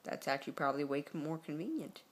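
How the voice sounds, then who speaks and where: Late at night in his bedroom, a man vlogs into his computer or camera mic with a fairly high, animated, fast and slightly bright voice. His rambling chat is drowsy and easygoing, meandering and full of fillers and self-corrections.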